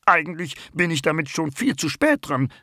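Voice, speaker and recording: A man voicing a sleepy young female bumblebee queen in a children's story, in a squeaky, drawn-out voice. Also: very animated, pushed and bright, no echo, studio quality, heavily acted. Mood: apologetic.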